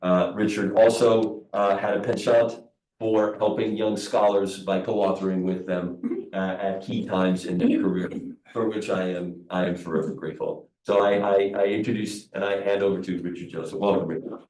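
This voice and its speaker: Muffled, low-voiced man in a mask. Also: steady tone, moderate pace, darkish tone. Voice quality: muffled, speaking through a face mask. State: sniffly with a cold. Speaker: seminar host introducing a speaker. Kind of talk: hesitant semi-formal introduction speech. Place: seminar room with a seated audience. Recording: echoey room, distant microphone.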